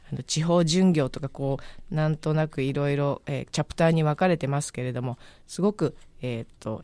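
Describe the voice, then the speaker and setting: A woman's voice: sits low, a little mellow, no room sound. A woman radio host casually recommending a book on air, chatty and musing, often searching aloud for the right word.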